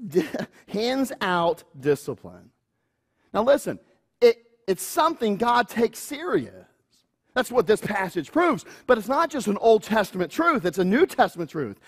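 A male youth pastor preaching a sermon in a church, animated and chuckling often. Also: sits high, unhurried, husky.

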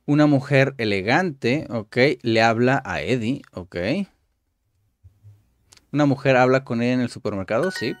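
A man's voice: medium pitch, measured pace, dry recording. A young man hosting his channel, casually commenting and translating language-app stories aloud, thinking aloud with lots of fillers.

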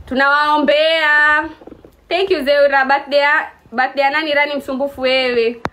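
A woman's voice: high voice, level tone, moderate pace, bright, forceful tone, slight background noise. A woman in her twenties from Kenya, chatting casually and teasing her viewers on a live stream. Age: 20s. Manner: playful teasing, mixes English and Swahili.

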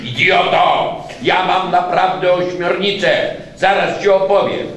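A man's voice: high-pitched, fairly even intonation, slow, a bit bright, pitched above the performer's own voice, exaggerated voice. A man playing a frightened, indignant boy who talks in a raised, urgent voice, recorded in an echoey room from a distance.

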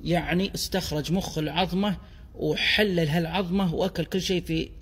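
A man with a Kuwaiti Gulf Arabic accent giving a deliberate, emphatic explanatory monologue in the manner of a language explainer. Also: a little high, fairly even intonation, fairly bright tone, breathy edge. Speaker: explainer of dialect words. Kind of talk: explanatory monologue on word origins. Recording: long reverberant echo.

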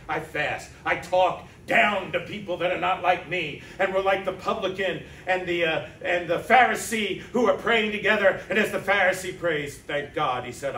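A pastor with a high, bright, ringing voice delivers a sermon to his congregation in a church sanctuary, preaching conversationally with rhetorical asides and "right?" check-ins. Standing back from the mic, he sounds distant, with a roomy church echo and slight background noise.

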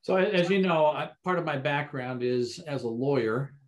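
An older man hosting a video-call interview from a book-lined study, framing his thoughts in a measured way. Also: on the high side. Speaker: host.

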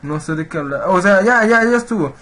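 A man with a Mexican accent talks through a horror game at his home computer. His voice sits a little high, and he is jittery, cursing, and quick to yelp. A faint hiss of noise sits under his voice. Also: animated, bright, forceful tone. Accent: Mexican Spanish. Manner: jittery, swearing, yelping when startled. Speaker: gaming video creator. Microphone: webcam and computer mic.

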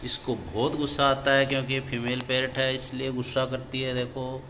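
A man's voice: medium pitch, flat delivery, moderate pace, big-room sound, noisy background. A man filming his pet parrots at home, talking to them in coaxing, sing-song baby talk. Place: inside a home.

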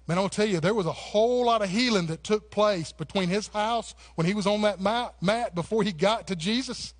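A man's voice: high voice, moderate pace. A pastor preaching a sermon in a church, passionate and conversational, often restarting and saying "man". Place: church sanctuary.

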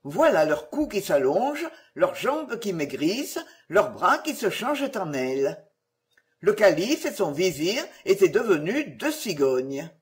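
A storybook narrator reading a fairy tale aloud. The reading is expressive, and the pitch moves a lot, with a middle-pitched voice. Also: unhurried.

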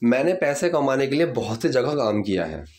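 Indian-accented male teacher explaining grammar, self-questioning, slows down for English examples. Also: medium pitch, very animated, darkish tone. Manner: breaks sentences into parts, asks and answers his own questions; reads English examples slowly and deliberately.

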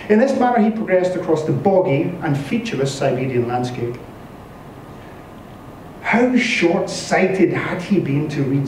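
A man gives a dramatic, expressive reading of literary fiction, storyteller-style, live in a bare indoor venue. His voice is soft and mellow, fairly high, and moves through lively pitch swings. The scripted narration is recorded from afar in an echoey room, with faint background noise.

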